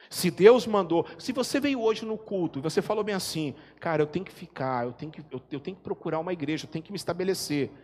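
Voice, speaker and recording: A Brazilian man from Espírito Santo preaching a sermon as pastor, his voice climbing to shouts and dropping to quiet asides. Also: high voice. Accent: Brazilian Portuguese, Espírito Santo. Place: church hall. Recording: long church hall reverb.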